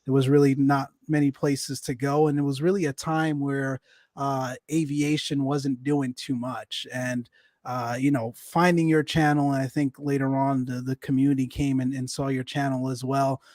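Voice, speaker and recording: A man hosting a flight sim podcast, speaking in a relaxed, welcoming way with many fillers. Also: medium pitch, normal speed, no room sound, clean studio sound. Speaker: podcast host. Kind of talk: casual podcast interview.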